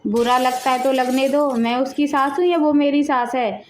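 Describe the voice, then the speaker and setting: A woman voicing a firm, bossy mother-in-law who runs the household, in an animated family drama. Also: high voice, moderate pace, slight background noise, natural voice. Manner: firm, commanding.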